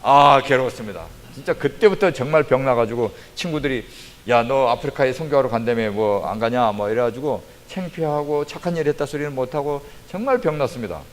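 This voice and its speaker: A man preaching a testimony sermon as a missionary, telling his story with lively acted-out quotes. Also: mid-range voice, brisk. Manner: animated storytelling, acts out quoted voices. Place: church sanctuary. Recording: long hall reverb.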